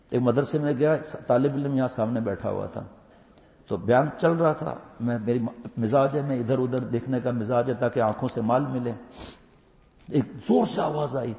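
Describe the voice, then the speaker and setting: An older man giving a religious talk to madrasa students, telling stories with impassioned swings between loud urging and slow hushed passages. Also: medium pitch. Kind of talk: Urdu religious talk with anecdotes. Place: mosque or madrasa hall. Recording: echoey hall, dull lo-fi recording.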